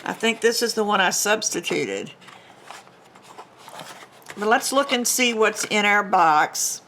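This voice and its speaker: This older woman vlogger, her nose congested, speaks slowly in a mid-range voice that is bright and forceful, with lively intonation, while unboxing a craft kit at home on her camera mic. She chats and rambles with restarts and small laughs, and there's a little hiss or hum.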